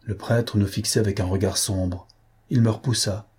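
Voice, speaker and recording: A man narrating a classic novel aloud as an audiobook reader, in an even, literary storytelling manner. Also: on the low side, normal speed, breathy edge.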